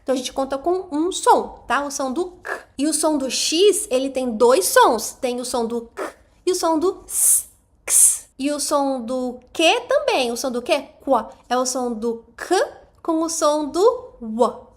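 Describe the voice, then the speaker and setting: A woman with a Brazilian Portuguese accent teaching an online lesson, sounding out letters slowly and repeating them for the listener. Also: sits high, expressive. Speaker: English teacher trainer.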